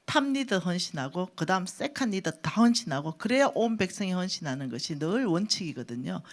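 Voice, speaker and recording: A woman's voice: lowish voice, fairly quick. Woman, church elder, storytelling sermon, acts out quotes, laughing asides. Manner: animated, acts out her own quoted thoughts; laughs while telling stories.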